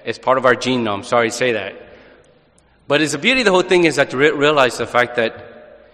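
A man speaking as a priest at Mass, solemn and measured, his voice carried in a long cathedral-like echo. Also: mid-range voice, pushed and bright. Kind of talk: liturgical gospel reading and homily. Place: large reverberant church.

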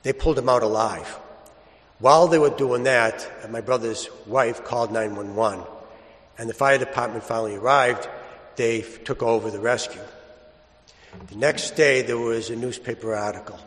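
A man's voice: mid-range voice, normal speed, fairly bright tone. A man, a priest, reading the gospel and preaching in a large church, telling stories plainly with some restarts. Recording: long church reverb.

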